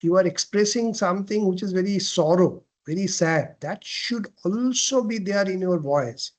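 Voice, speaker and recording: A man giving a classroom lecture on presentation skills, asking questions and answering them himself, often clearing his throat and restarting phrases. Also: high voice, normal speed. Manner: frequent throat clearing and self-corrections.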